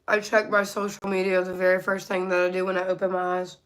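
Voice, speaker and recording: A woman's voice: lowish voice, completely flat delivery, quick pace. Casual woman livestreamer chatting while eating. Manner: talking while eating, mouth sometimes full. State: tired. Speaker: live streamer.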